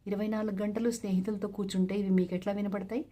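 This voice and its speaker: An anguished young wife pleads earnestly, her voice mellow and warm, read by a woman narrator. She is urgent but steady, as in a storybook reading. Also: medium pitch, quick pace, lightly acted.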